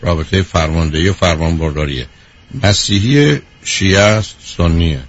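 A man's voice: low-pitched, lively intonation, muffled recording. A man hosting a call-in advice show, blunt and direct, firing questions at the caller. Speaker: radio advice host.

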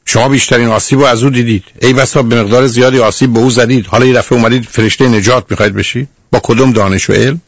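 Male radio counselor, gravelly and dry, sternly lecturing a caller. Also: mid-range voice, steady tone, hardly any pauses, no room sound. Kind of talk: radio call-in advice.

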